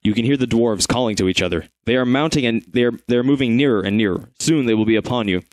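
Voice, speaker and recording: A man narrates an adventure gamebook for his friends, breaking off for casual asides and quick corrections. His voice sits at a middle pitch and the recording is dry and close. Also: no echo. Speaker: host and narrator. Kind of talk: reading an adventure book aloud.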